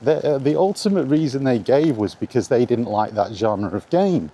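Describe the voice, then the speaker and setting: Out walking in the rain, a middle-aged British man chats informally about video games and his opinions in a meandering vlog with mild swearing. He has a mid-range, expressive voice with a dark tone, speaking at normal speed. Faint outdoor ambience runs in the background.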